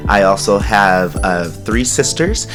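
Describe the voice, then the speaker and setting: Man in his 40s, lowish voice, easy storytelling guest over background music. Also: animated, takes it slowly. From San Francisco Bay Area, California. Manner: friendly, laughs easily, storytelling. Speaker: guest, actor and dancer. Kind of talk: casual interview chat. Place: podcast studio.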